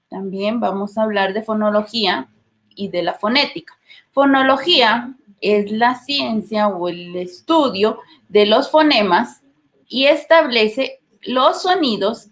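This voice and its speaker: A woman teacher with a Guatemalan accent explaining a lesson, checking in with tag questions and pausing on fillers. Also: mid-range voice. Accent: Guatemalan Spanish. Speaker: literature teacher. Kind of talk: recorded class lesson.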